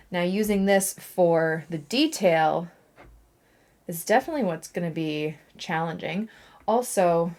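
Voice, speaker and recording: Chatty woman painting, slightly low voice. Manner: chatty, self-mocking, thinking aloud with laughs. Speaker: watercolour artist. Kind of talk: casual painting narration.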